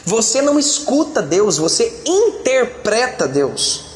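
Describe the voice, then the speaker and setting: A high-voiced pastor preaches with emphatic, colloquial directness, calling out to his listeners as he goes. His voice rings through a roomy hall with a long tail of reverb, faint ambience behind him. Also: big pitch swings, slow pace. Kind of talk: sermon.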